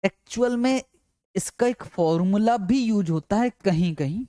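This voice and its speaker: A male teacher with a high, mellow voice lectures a little slowly in a dry, close recording. Repetitive and coaxing, he walks through each step, repeats points, and answers his own questions to the class.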